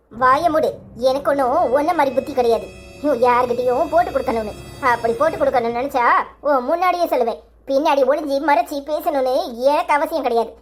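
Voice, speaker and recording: In a cartoon comedy, a performer voices an indignant, sharp-tongued young wife with a Tirunelveli Tamil accent. The delivery scolds, and the voice sits high and sounds natural.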